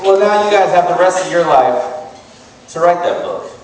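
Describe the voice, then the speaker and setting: A man delivers a casual, joking wedding toast as best man, in a slightly high voice. He is heard away from the mic in a very echoey room, telling comic stories to the guests. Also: animated, normal speed. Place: large room at a wedding reception. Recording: echoey hall, distant mic, noisy crowd. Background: wedding guests and crowd noise.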